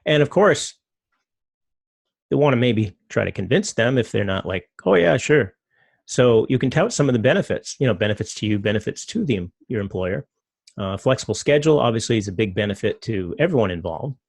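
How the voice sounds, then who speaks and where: A middle-aged man talks through his slides in a loose, rambling way, with plenty of fillers. His voice sits low and carries a gravelly edge. The recording is dry and close, with no room sound. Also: animated, brisk, no room sound. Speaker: presenter. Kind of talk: casual talk with slides.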